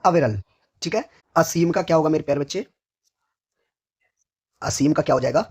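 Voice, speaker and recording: A hoarse man teaching a vocabulary lesson for exam preparation, who asks each question, answers it himself, and keeps addressing his students fondly. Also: on the high side, moderate pace, a little mellow. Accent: North Indian Hindi. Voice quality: husky.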